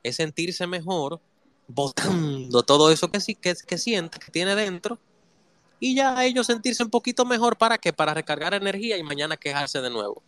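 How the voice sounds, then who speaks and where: A man's voice: high-pitched, animated, normal speed, a bit bright, dry recording. A man giving a motivational talk, emphatic and asking his listeners rhetorical questions. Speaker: motivational speaker.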